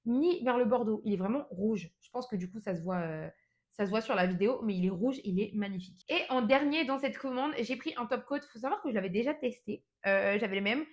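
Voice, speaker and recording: A young woman with a French accent talks through an unboxing in a relaxed, chatty way. Her voice sits a little on the high side. She gushes over each product and fills her pauses with casual hesitations. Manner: enthusiastic, chatty, frequent fillers. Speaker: nail product vlogger.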